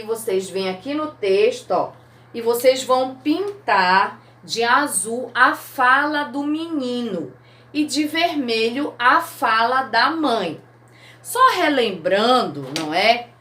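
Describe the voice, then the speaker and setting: A Brazilian woman teacher explaining a lesson to young children, slow and patient, step by step. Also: fairly high pitch, fairly bright tone, echoey room. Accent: Brazilian Portuguese. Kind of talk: recorded remote lesson for children.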